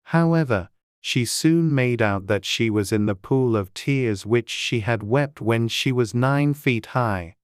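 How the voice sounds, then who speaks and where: A woman narrating a storybook as an audiobook, with a measured storytelling delivery. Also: a bass voice, no echo, clean studio sound.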